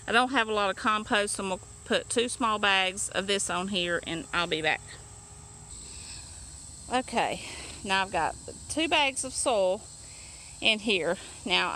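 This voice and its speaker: Breathless woman vlogging in her garden, gravelly and chatty, faint insect hum outdoors. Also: medium pitch, a bit bright, poor audio. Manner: chatty, rambling, with many fillers and restarts. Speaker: home gardener. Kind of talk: casual gardening vlog. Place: backyard garden bed, outdoors. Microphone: phone or camera held while working.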